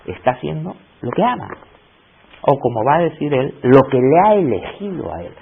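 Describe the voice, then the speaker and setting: A man's voice: mid-range voice, sing-song, moderate pace, vocal fry, slightly rough. A man lecturing a class in a reflective way, with emphatic rising bursts and rhetorical questions to his listeners. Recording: tinny lo-fi recording with faint hiss.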